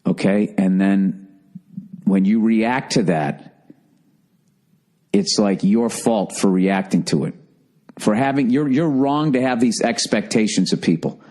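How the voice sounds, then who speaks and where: A man's voice: fairly low pitch, measured pace, long pauses, darkish tone. A middle-aged American man hosting a podcast alone, delivering a profane, exasperated comedy rant. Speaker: podcast host. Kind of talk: solo ranting comedy monologue.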